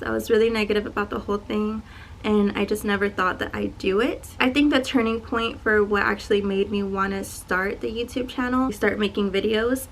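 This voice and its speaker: A soft-spoken YouTuber in her twenties from Dallas, Texas, who calls herself shy and quiet, chats casually to the camera in a get-to-know-me Q&A vlog. Her medium-pitched voice is gravelly, and the rough recording carries slight background noise.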